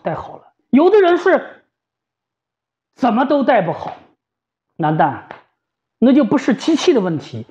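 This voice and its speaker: A woman whose warm voice sits on the high side gives an informal, conversational explanation as a specialist. She works as a home ventilator specialist and shop staff member, and she repeats phrases for emphasis. The recording sounds slightly dull and lo-fi.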